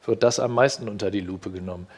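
A man's voice: fairly low pitch, quick pace, breathy edge. Middle-aged man, hesitant studio guest on a headset mic, lots of fillers and restarts. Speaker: reporter recounting a car fair visit. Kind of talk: studio discussion.

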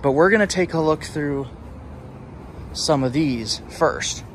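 A fairly high-pitched man talks at a slow pace while he walks around a building's exterior for his urban exploration vlog. His improvised commentary is sardonic and self-deprecating, and passing traffic and urban ambience can be heard throughout.

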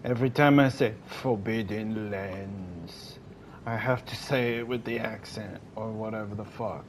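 Gravelly man muttering over gameplay. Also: medium pitch, little pitch movement, a little fast, a little hiss or hum. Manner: offhand, self-correcting, mutters to himself. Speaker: gameplay streamer. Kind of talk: casual gameplay commentary.

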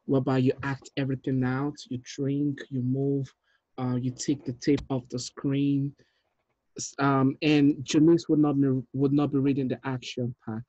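Man giving relaxed notes, dull dry audio. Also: mid-range voice, dry recording. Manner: encouraging, relaxed, with filler ums. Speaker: film director. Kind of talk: casual feedback after a table read.

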